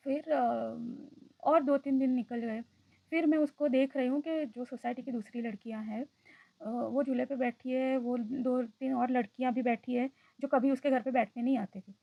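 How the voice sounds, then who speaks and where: A woman's voice: fairly high pitch, gravelly, narrow, tinny audio. A woman vlogger telling a personal story in a reflective, hesitant way, often slipping into English phrases.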